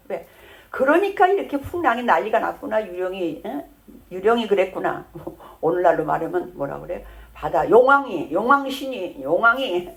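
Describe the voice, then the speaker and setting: A woman pastor preaching a sermon in a church, telling the Bible story in a conversational way and acting out the lines of its characters. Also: mid-range voice.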